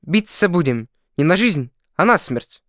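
A man's voice: on the high side, big pitch swings, a little slow, a bit bright, no room sound, clean studio sound. A man doing a nervous, stammering peasant. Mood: earnest. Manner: earnest, flustered, stammering. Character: nervous, earnest peasant potter, father of many. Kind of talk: storybook reading.

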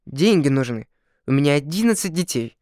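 A man's voice: on the high side, sing-song, brisk, a little mellow, no echo, clean studio sound. A man voicing a nervous, earnest peasant potter in a storybook reading, who sometimes stammers and gets flustered.

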